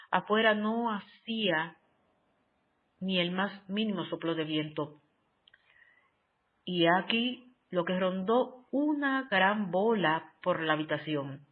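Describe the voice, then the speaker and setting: A narrator reading a spiritual diary aloud in a measured, solemn, devotional way with long pauses. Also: medium pitch. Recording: tinny phone-like sound.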